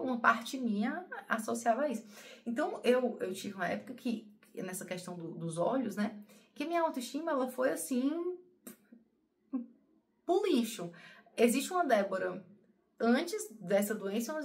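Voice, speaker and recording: A woman talking to her viewers in a personal, emotional monologue. She rambles, repeats herself and often calls her audience "gente". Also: a little high. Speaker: spiritual channel host.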